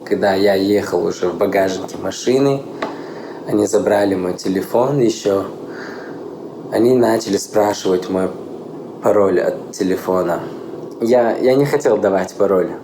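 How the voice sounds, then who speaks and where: Low-voiced young man, roomy. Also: moderate pace. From Chechnya. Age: 20s. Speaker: interviewee. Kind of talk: testimony interview. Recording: roomy echo, faint ambient noise.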